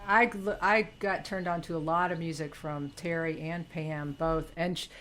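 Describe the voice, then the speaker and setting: A woman co-host in casual chat who talks haltingly, stacking up fillers and restarts. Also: low-pitched, fairly even intonation, a bit bright, slight background noise.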